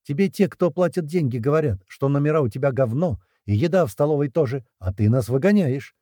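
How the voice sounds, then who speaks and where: A man playing a cocky tough guy, calm and mocking as he needles his target. His voice is husky and dark, rising higher when he pushes. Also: brisk, no room sound, studio quality. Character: cocky, mocking male gang member.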